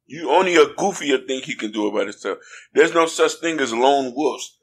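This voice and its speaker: An American man co-hosting a casual podcast, earnest and a little preachy. His voice sits in a middle pitch and keeps checking in with the listener as he talks. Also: lively intonation, brisk, gravelly. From United States. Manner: earnest, preachy, fond of "you know what I mean". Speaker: podcast co-host. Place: podcast studio in Florida.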